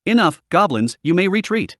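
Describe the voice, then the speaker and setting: A man's voice: high-pitched, sing-song, normal speed, no echo, clean studio sound, pitched above the performer's own voice. A man voicing a pompous, solemn male penguin demon in an audiobook reading, with a grandiose, declaiming delivery.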